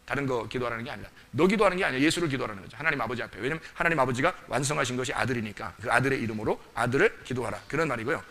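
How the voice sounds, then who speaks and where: Gravelly, fast-talking preacher man. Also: medium pitch. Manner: animated, acts out quoted voices, talks to the congregation with questions. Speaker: pastor. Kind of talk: sermon.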